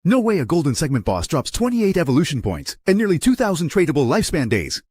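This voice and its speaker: Awestruck young fighter, man doing it, higher and excited, dry sound. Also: fast talker, breathy edge, no echo, heavily acted. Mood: astonished.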